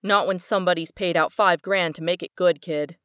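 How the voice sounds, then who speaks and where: A woman's voice: on the low side, fairly even intonation, fairly quick, a bit bright, clean tone, no room sound, clean studio sound, close to an everyday voice. A woman reading the lines of a callous, hard-boiled male detective with blunt, slangy talk.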